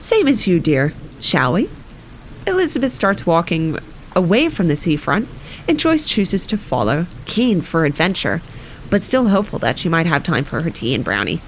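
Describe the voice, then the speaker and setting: Reading a novel on her live stream, a woman often stumbles and corrects herself, pausing now and then to chat casually. Her voice is on the low side and sing-song, at a moderate pace, with soft rain ambience and a little hiss or hum in the background.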